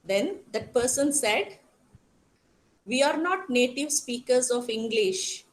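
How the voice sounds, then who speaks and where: A woman lecturer speaks in a fairly high voice with a strong South Indian accent. She teaches interactively online, working through explanations in a halting way and often turning to her students with questions. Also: lively intonation, low-quality recording. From Karnataka, South India. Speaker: college teacher.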